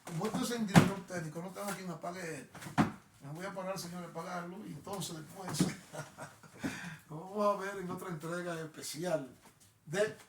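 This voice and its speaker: A man's voice: high-pitched, steady tone, moderate pace, echoey room, distant mic, very noisy. A man with a Dominican accent hosting a live online show in a casual, rambling monologue, often repeating himself and restarting sentences.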